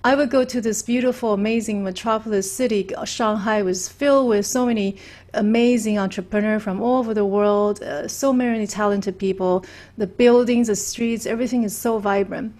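A woman's voice: mid-range voice, steady tone, moderate pace, darkish tone. A middle-aged woman from Taiwan, a podcast guest talking casually and at length, full of "you know" fillers. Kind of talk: casual conversation.

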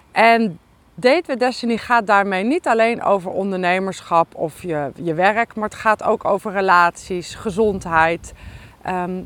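A woman hosting her podcast in a candid, casual video diary, tired and halting, with many fillers. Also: mid-range voice. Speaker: podcast host.

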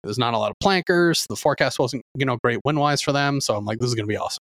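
A man's voice: mid-range voice, animated, racing, a bit bright, dry recording, studio quality. A middle-aged man hosting a podcast in casual chat, telling long stories full of fillers. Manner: rambling storyteller, lots of fillers. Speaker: podcast host.

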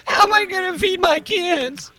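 A woman voicing a grieving female otter, a widow and mother, who complains slowly and dramatically in a radio comedy bit. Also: extremely high pitch, pushed and bright, no echo. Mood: indignant grief. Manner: slow, wailing, over-the-top complaining.

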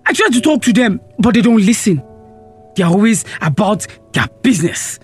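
A young man playing a furious neglected son with a high voice. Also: animated, normal speed, breathy edge, soft background music, heavily acted. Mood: aggrieved. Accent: Nigerian. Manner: confrontational, accusing. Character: resentful neglected teenage son. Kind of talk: radio drama acting.

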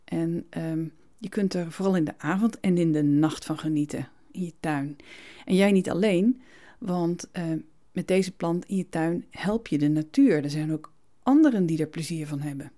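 A woman hosts her gardening podcast from a home studio, chatting casually and often pausing or starting her sentences over. Her voice sits fairly low with a mellow, relaxed tone. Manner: chatty, frequent hesitations and restarts. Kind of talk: casual storytelling monologue. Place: home studio with cats around.

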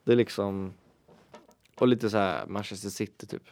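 A man's voice: on the low side, steady tone, a little mellow, no echo. Chill guy cohosting a podcast, jokey, laughs a lot, dry close mic. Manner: joking, laughs often, mimics reactions. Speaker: podcast co-host. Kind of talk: casual chat.

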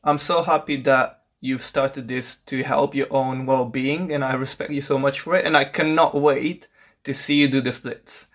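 A man's voice: medium pitch, fairly even intonation, normal speed, a bit bright. Encouraging man hosting a chat. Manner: encouraging, supportive. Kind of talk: casual chat.

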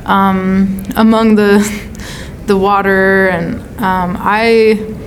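American woman, informal and thoughtful, mid-pitched. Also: little pitch movement, very slow, a little hiss or hum, low-quality recording. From California, United States. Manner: informal, thoughtful, searching phrasing with frequent "like". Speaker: songwriter being interviewed. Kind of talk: casual conversational interview.

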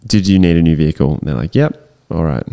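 A man's voice: low voice, animated, quick pace, dark tone. An Australian man co-hosting a podcast, chatting in an informal, agreeable way. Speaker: podcast co-host. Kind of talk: casual chat.

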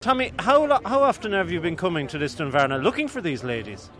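A man's voice: high-pitched, sing-song, quick pace, fairly bright tone. A man working as a community radio presenter, interviewing people outdoors at a festival. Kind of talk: outdoor vox-pop interviewing. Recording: music behind, outdoor street location. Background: music.

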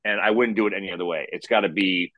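A man talks quickly and loosely. He rambles, restarts his sentences and fills them with "you know". The voice sits a little low and the sound is dry and close. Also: steady tone, dry recording, phone-quality sound. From Chicago. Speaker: musician guest. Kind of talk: casual interview chat.

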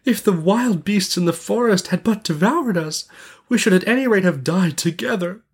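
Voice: medium pitch, huge pitch swings, moderate pace, husky, pitched above the performer's own voice. A storyteller voicing a frightened little girl from a fairy tale, pleading in a plaintive way. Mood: despairing. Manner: plaintive, lamenting.

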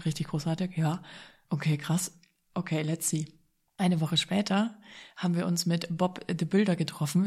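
Gravelly low-voiced woman telling a story. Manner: excited, animated, mixes in English phrases. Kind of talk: casual personal storytelling.

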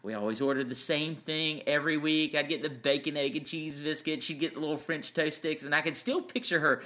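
A man's voice: on the high side, fairly even intonation, a little fast, sharp tone. A man in his forties co-hosting a casual family podcast, telling sentimental stories and laughing easily. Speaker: podcast co-host.

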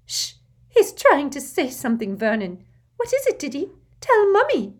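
A shrill, frantic middle-aged mother, her voice leaping far above the reader's own and swooping wildly. She shrieks and frets in a storybook reading. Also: wildly swooping pitch, moderate pace. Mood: fretful.

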